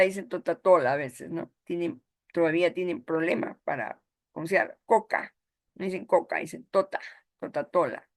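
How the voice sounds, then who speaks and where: A woman with a Peruvian Spanish accent, teaching a course and often checking in with "¿ya?" and "¿no?". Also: on the low side. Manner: explanatory, frequent "¿ya?" and "¿no?" checks. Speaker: course instructor. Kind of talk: online lecture.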